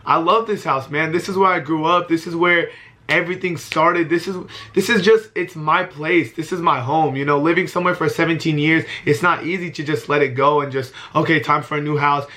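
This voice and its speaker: A man's voice: a little high, fairly even intonation, a little fast, sharp tone. A man in his early twenties talking earnestly to camera in a heartfelt vlog, often repeating himself for emphasis. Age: 20s. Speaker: vlogger.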